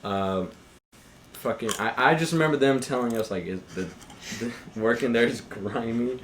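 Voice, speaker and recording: A man's voice: medium pitch, normal speed, slight background noise. A young man on a podcast, casually telling long work stories with lots of swearing and restarts. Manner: rambling, profane, with frequent restarts and fillers. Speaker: podcast co-host. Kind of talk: casual storytelling with friends.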